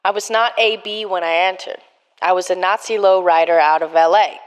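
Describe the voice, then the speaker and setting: A woman's voice: on the low side, fairly even intonation, fairly quick, clear, resonant tone, natural voice. A woman voicing a hardened male prison gang captain in a murder mystery game, trying for a Boston accent that keeps slipping. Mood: tough.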